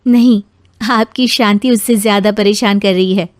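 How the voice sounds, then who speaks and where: A woman playing a patient, gentle young daughter-in-law in a family story, polite and conciliatory. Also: mid-range voice, steady tone, moderate pace, no echo, studio quality, lightly acted. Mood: concerned. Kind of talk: dramatized family moral story.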